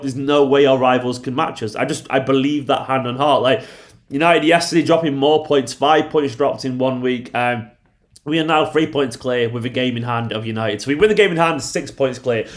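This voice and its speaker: A man hosting a football fan channel, talking casually with emphatic, hyperbolic praise and repeated superlatives. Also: mid-range voice. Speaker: YouTube football channel host.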